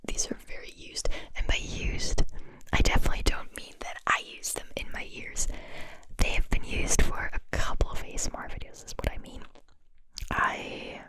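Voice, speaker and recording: A woman whispering softly and breathily right up close to the microphone, ear to ear, chatting casually to viewers in ASMR style. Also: normal speed. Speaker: ASMR video creator and host.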